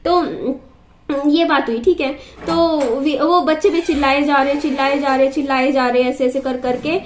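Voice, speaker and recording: Woman, young adult, high-pitched, chatty storyteller, repeats herself, echoey room. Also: fairly even intonation, normal speed, slight background noise. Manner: chatty, repeats herself, asides to her child. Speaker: vlogger. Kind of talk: casual storytelling to camera.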